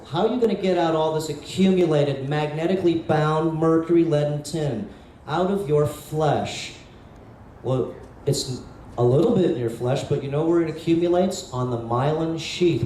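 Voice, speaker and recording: Man lecturing in a very echoey hall. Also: on the high side. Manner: animated, rhetorical, questions the audience. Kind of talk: live lecture to an audience. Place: event hall. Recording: echoey hall from a distant mic, faint hiss.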